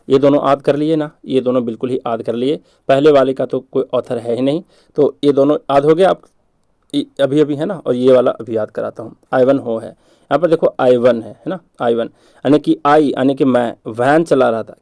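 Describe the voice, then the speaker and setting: Male exam coach: mellow, gravelly tone, asks the class and answers himself, low asides with sudden emphatic rises. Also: no room sound, studio quality. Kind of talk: exam-prep lecture with memory tricks.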